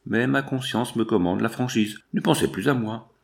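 A man reading an audiobook voices a young widowed mother, answering softly but firmly. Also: mid-range voice, normal speed, gravelly, close to an everyday voice. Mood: pleading. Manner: soft, restrained replies.

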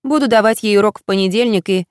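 A woman reading a first-person novel aloud as an audiobook narrator in a lively storytelling manner. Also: mid-range voice, fast, smooth, no echo, studio quality.

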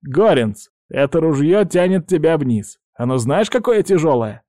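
A man's voice: a little high, animated, a little slow, mellow, dry recording, studio quality, pitched above the performer's own voice. Brash storybook pirate, read by the male narrator; commanding, a little raised. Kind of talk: audiobook reading.

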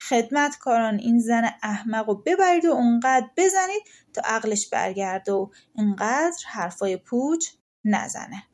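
A woman's voice: fairly high pitch, expressive. Woman voicing a furious bossy village lord. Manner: shouting, commanding. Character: angry village lord, middle-aged man, domineering.

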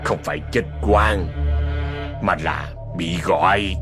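A man voicing an old shaman who speaks slowly, low and ominously. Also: lively intonation, music in the background. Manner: slow, low, deliberate. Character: grave old male shaman, slow and ominous.

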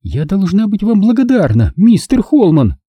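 A spiteful young woman in a fury, as a male audiobook reader puts her on, shrieking her words. Her voice jumps high but keeps a husky, dark grain. The reading is dry and close. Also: sing-song, quick pace, dry recording, lo-fi sound. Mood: bitter.

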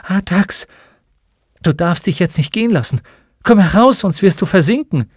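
A man's voice: fairly high pitch, lively intonation, measured pace, creaky, dark tone, husky, no room sound, clean studio sound, voice pushed up, exaggerated voice. A man reading an audiobook and voicing a brave young boy hero who speaks earnestly and urgently. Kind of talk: audiobook character voice.

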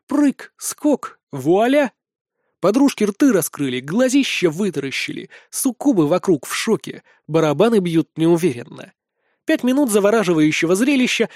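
Animated high-voiced male audiobook narrator. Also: dry recording, clean studio sound. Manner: lively expressive storytelling. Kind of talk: first-person fantasy audiobook narration.

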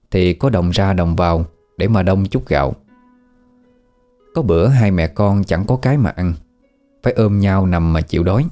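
A man narrating a scripted horror story in a steady, somber way. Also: low voice.

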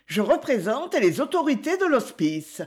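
A woman's voice: fairly high pitch, big pitch swings, moderate pace, a little mellow, pitched above the performer's own voice. A woman voicing a composed, courteous lady who questions a suspect lightly and politely. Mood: calm. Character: calm genteel lady investigator, amiable.

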